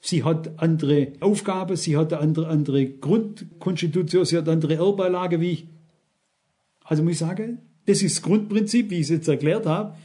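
A man's voice: a little high, moderate pace, mellow. A middle-aged man preaching a sermon, earnest and repetitive, often turning to the congregation with direct questions. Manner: earnest, repeats phrases, addresses the congregation directly.

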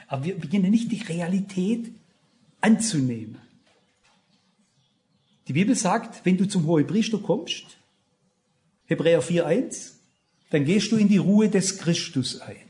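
A man's voice: fairly high pitch, lively intonation, moderate pace, long pauses, warm tone. A male preacher giving a sermon, emphatic and repetitive, speaking straight to his congregation.

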